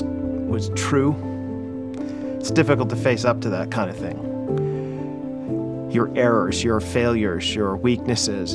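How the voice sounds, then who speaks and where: A pastor preaching at a church service, retelling a story in a lively way with frequent restarts. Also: male voice, medium pitch. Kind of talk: sermon.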